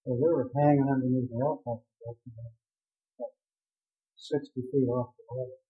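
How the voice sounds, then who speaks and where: Ex-captain spinning a long rambling yarn, mid-pitched voice, thin phone-like sound. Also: male voice, little pitch movement, normal speed, faint music behind. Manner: vivid, rambling storyteller. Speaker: former drilling ship captain. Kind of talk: oral history storytelling. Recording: tinny phone-like audio.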